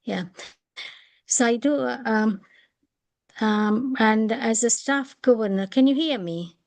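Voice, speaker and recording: A middle-aged woman, a nephrology consultant, speaking over a choppy, dropping video call connection, halting and apologetic as she loses her place. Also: on the high side, a little mellow, no echo. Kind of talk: online panel talk.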